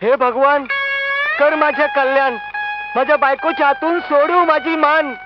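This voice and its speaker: A man's voice: extremely high pitch, fairly even intonation, measured pace, music in the background. An actor playing a timid, panicky young man in a comedy film, flustered and stammering, mixing in Hindi phrases. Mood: panicked. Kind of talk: comic film acting. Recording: dull film audio with loud score.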